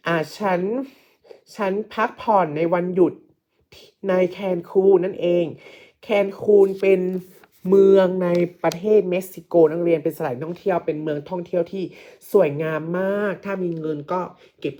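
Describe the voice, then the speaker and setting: A woman teacher with a lowish, darkish voice, muffled in the recording, gives a slow, patient English lesson in Thai. She repeats every phrase and translates it, questioning the students she calls kids.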